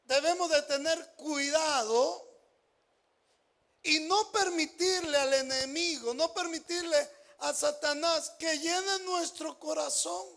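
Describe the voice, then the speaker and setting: A man preaching a sermon as pastor, stressing key phrases and asking the congregation rhetorical questions, dropping to soft asides between louder lines. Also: extremely high pitch, slow pace.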